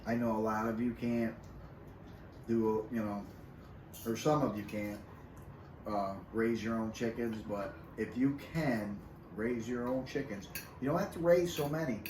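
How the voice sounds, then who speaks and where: A man's voice: medium pitch, unhurried, a little mellow, far from the mic. A middle-aged man co-hosting a homestead channel, giving easygoing advice in a casual chat over dinner. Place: home dining room. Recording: roomy, from the mic, faint hiss.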